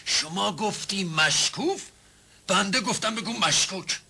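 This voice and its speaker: An actor playing a stern, pompous nobleman who presides as judge, pedantic and quick to demand silence. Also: sits high, expressive, creaky, bright, forceful tone, slightly rough, full character voice. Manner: pedantic, orders silence, corrects words.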